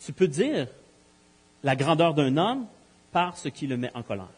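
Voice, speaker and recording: A man's voice: fairly high pitch, very animated, a little slow, a little mellow, slightly rough. A man preaching a sermon, emphatic, with rhetorical questions and repeated key phrases. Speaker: pastor. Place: church. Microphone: live-streamed church recording.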